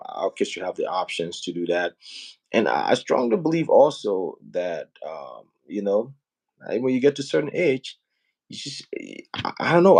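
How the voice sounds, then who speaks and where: His voice is lowish and a little mellow. On a casual live stream, this Liberian host earnestly and persuasively promotes building homes back home, often checking in with "right?" and "you know what I mean?"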